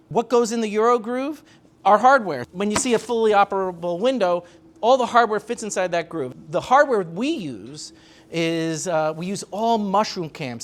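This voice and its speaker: A man giving an enthusiastic technical product presentation about windows, with fillers and restarts. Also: on the high side. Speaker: window company representative.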